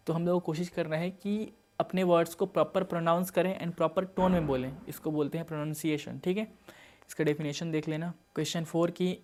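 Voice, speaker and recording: A man's voice: on the high side, a little mellow. A young man giving a casual exam-prep lecture, explaining terms with everyday examples and mixing in English words. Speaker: teacher.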